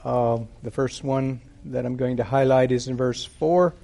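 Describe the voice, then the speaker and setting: Slow gravelly preacher at a pulpit microphone. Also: male voice, medium pitch, steady tone, warm tone. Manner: unhurried, deliberate, with frequent pauses and fillers. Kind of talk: sermon with prayer. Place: church service.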